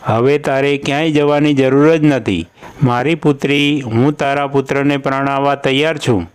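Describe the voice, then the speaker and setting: Man reading as a generous friend, eager, reassuring, smooth voice, storybook. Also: mid-range voice, steady tone, moderate pace, natural voice. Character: generous eager middle-aged male friend.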